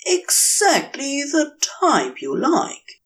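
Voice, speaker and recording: A woman puts on a man's pushy, overbearing brother, with a high, bouncy voice that swoops all over. He talks slowly and insistently, teasing with forced cheer. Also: wildly swooping pitch, exaggerated voice. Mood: pushy cheerful. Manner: bright, insistent, mockingly cheerful.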